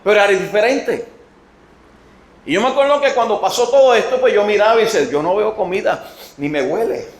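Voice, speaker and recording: A man around sixty with a Puerto Rican accent, preaching a sermon and telling his testimony, moving from storytelling to shouted emphasis. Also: high-pitched, lively intonation, brisk. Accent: Puerto Rican Spanish. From Puerto Rico. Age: late 50s or 60. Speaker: evangelist. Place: church sanctuary. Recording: echoey church room.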